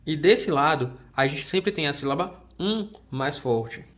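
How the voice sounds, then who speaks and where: A man's voice: fairly high pitch, lively intonation, unhurried, a bit bright. A man teaching a recorded grammar lesson. He explains step by step in a friendly way and checks in with the viewer often.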